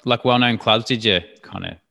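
A man's voice: mid-range voice, normal speed, vocal fry, bright, forceful tone. A man, hosting a casual interview with a chummy, loose way of asking questions. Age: 30s. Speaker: podcast host.

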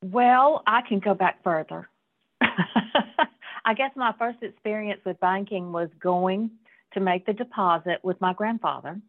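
A woman guest on a podcast, reminiscing in a relaxed way. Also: mid-range voice, measured pace, no room sound. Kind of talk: casual podcast interview. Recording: tinny, dry phone-like line.

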